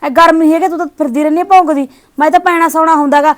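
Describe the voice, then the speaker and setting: A woman's voice: high-pitched, steady tone, very fast, lightly acted. A woman playing a cold, nagging daughter-in-law who scolds and dismisses her mother-in-law. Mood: scolding. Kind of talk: village short-drama acting.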